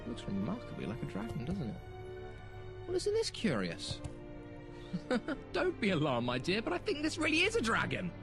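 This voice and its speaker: An eccentric male alien doctor in the body of a cartoon pony, acted by a man. He is theatrical and excitable, with a very animated pitch that leaps on exclamations. Music plays behind him in this audio drama. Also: normal speed, vocal fry, pauses often, full character voice. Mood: delighted, curious. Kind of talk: fan audio drama acting.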